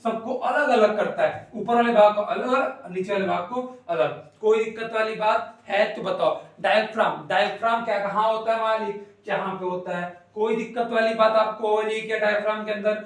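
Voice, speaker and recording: High-voiced teacher, echoey and distant. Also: male voice. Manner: playful, rapid, repeats questions and teases students. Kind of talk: online class lecture. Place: classroom with whiteboard. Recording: loud echo, voice from a distance.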